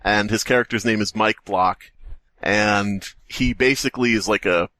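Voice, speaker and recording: Speaking at normal speed in a low-leaning, pushed, bright voice with no echo, the man co-hosts a comedy podcast. He tells rambling, sardonic stories and likes to joke.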